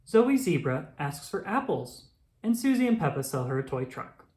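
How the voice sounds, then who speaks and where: A narrator reading a children's storybook aloud in a deliberate way for young listeners. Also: mid-range voice, sing-song, a little mellow. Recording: roomy echo.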